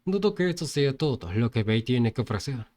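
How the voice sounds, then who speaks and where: A man's voice: medium pitch, animated, fairly quick, lightly acted. Man doing a brash young martial artist, cocky, blunt, rude, storybook recap. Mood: scornful. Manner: cocky, blunt, loud demands.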